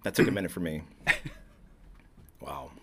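A man on a podcast in a small shed studio, telling dad jokes in an animated way with chuckles and quick asides. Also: extremely low pitch, very noisy. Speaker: podcast guest. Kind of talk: casual joke-swapping chat.

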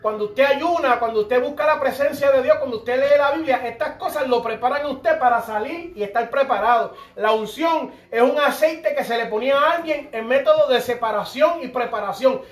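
With few pauses and at a normal speed, a very high-voiced middle-aged man preaches with fervor and directness. At times he voices congregants in little dialogues, keeping his delivery impassioned.

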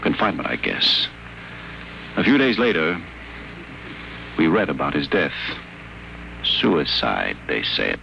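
An actor playing a guarded, secretive addict patient, confiding in low, careful tones, in 1940s radio acting style. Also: male voice, huge pitch swings, takes it slowly, gravelly, long pauses, sharp tone, a little hiss or hum, full character voice, low-quality recording.

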